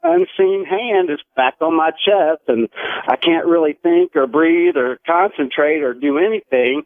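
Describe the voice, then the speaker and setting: An American man in his forties phones in to a radio show and earnestly tells a personal story in a conversational way. His voice sits on the high side and is animated but a little slow. The line is tinny and narrow, with no room sound.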